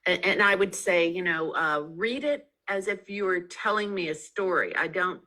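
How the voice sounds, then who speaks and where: Bright-voiced woman author, low pitch. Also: moderate pace, low-quality recording. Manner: chatty, with frequent ums and restarts. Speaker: author being interviewed. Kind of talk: casual interview chat. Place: online video call. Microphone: video call mic.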